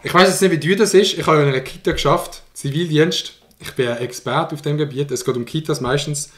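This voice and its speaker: A young man with a Swiss German accent reacts to a video in loose, slangy chatter, joking and laughing as he goes. His voice sits a little high for a man. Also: brisk. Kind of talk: casual reaction commentary.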